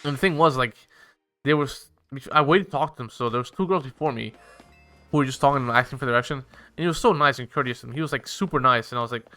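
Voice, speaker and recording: A man's voice: mid-range voice, quick pace, pushed and bright, faint music behind. A young man casually telling a rambling, profane story while he plays a game. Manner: rambling, profane, filler-heavy.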